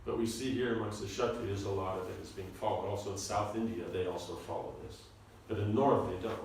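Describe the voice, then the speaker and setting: A man teaching a seminar on scripture, talking in a halting, informal way and often repeating his words. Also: lowish voice, fairly even intonation, a little mellow, a little hiss or hum. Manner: halting, repeats words, asks the audience to follow. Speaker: spiritual teacher giving a seminar lecture. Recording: echoey room, recorded from a distance.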